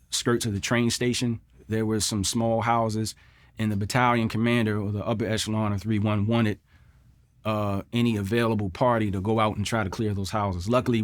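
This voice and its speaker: Low-voiced middle-aged man recalling military service. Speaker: Marine combat veteran interviewee. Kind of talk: personal interview recollection.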